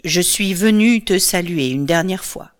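A woman voicing a dutiful male warrior in a storybook reading, speaking softly and gravely. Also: on the low side, a little slow, natural voice. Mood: firm. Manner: soft, grave murmur with a joyful outburst. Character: Hector, a grown male Trojan warrior, devoted and dutiful.

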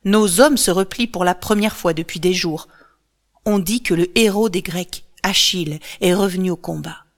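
A woman voicing an older, worried queen mother in a storybook reading, speaking gravely. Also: lowish voice, moderate pace, close to an everyday voice. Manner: grave, solemn.

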